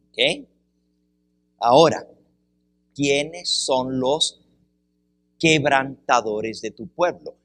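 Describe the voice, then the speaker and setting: A man leads a Bible seminar at a slow, measured pace, repeating each key phrase so the point lands. His voice sits at an ordinary pitch and sounds dry and close, with almost no room around it. He keeps turning to his listeners with questions. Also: fairly bright tone, no room sound. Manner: asks the audience questions and explains with examples; deliberate, repeats phrases for emphasis. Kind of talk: Bible study lecture.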